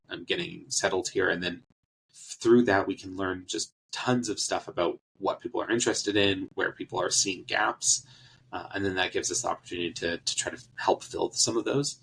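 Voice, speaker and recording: A man answering interview questions about his charity's work, relaxed, with many fillers and restarts. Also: low voice, slight background noise, low-quality recording.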